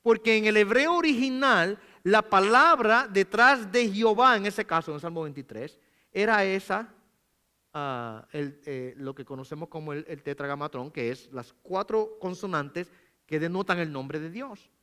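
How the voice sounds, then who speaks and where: A man's voice: sits high, expressive, normal speed, sharp tone. A man preaching a sermon as pastor, explaining patiently with rhetorical questions and reading scripture aloud with emphasis. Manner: asks rhetorical questions, frequent "¿verdad?". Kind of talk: sermon teaching. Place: church.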